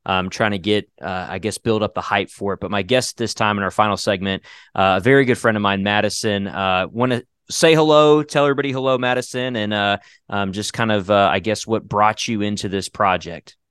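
A man's voice: on the low side, steady tone, brisk, a bit bright, smooth, no room sound, studio quality. A man hosting his own podcast, chatting casually, rambling with lots of fillers and restarts. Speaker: podcast host and writer. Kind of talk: casual chat.

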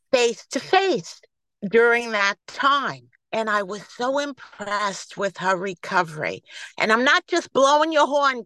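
A woman in her seventies with a New York accent, sharing her personal story slowly on a video call, with restarts. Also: a little high, dry recording, rough recording. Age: 70s. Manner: slow, warm-hearted, halting with restarts.

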